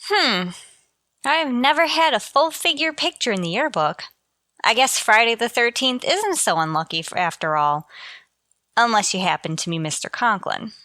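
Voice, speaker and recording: A sardonic female schoolteacher from a vintage radio comedy, played by an actress, speaks in a high, bright voice. Her dry sarcasm rides on lively swings of pitch. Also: normal speed, no room sound. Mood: wry. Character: Miss Brooks, wry, sardonic female high school teacher. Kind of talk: 1940s radio sitcom acting.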